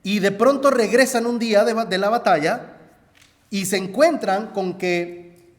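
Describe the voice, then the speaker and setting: A man's voice: high-pitched, a little slow. A man preaching a sermon, telling a story and speaking straight to his listeners. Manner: storytelling, addresses listeners directly. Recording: echoey hall reverb.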